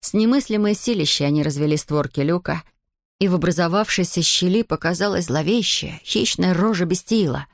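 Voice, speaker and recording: A woman narrating an adventure story at an even, steady pace. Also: lowish voice, fairly quick, dry recording, studio quality. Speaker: audiobook narrator. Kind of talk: scripted narration.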